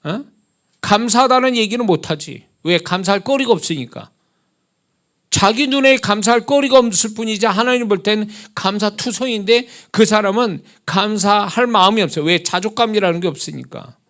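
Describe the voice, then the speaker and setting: A man's voice: high voice, moderate pace, fairly bright tone. A middle-aged male pastor preaching a Wednesday sermon, emphatic and full of rhetorical questions. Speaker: senior pastor.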